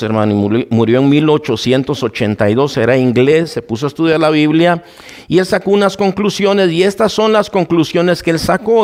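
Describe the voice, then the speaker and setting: A man delivers a sermon in with a slightly high-pitched voice. He teaches from scripture, often asking the congregation questions and addressing them as brother. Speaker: pastor.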